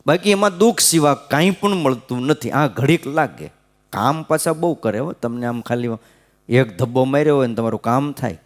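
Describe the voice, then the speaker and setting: A man's voice: mid-range voice, lively intonation, moderate pace. A man, a swami giving a devotional scripture discourse, talking conversationally, checking in with his listeners and chanting verses. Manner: conversational preaching, frequent "hm?" checks, sing-song verse chanting. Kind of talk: devotional katha sermon. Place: gurukul temple hall.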